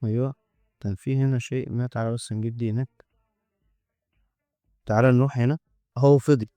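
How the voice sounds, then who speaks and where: A man's voice: medium pitch, steady tone, fast, dark tone, clean tone, no echo. Egyptian man thinking aloud over a demo. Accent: Egyptian Arabic. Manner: chatty, thinking aloud, joking asides. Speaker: tech YouTuber. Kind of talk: casual screen-recorded coding demo.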